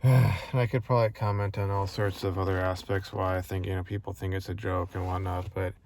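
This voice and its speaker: A man's voice: low-pitched, little pitch movement, fairly quick, a little mellow, a little hiss or hum. A man talking in a casual vlog monologue, rambling with many fillers and restarts, earnest and frustrated. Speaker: vlogger.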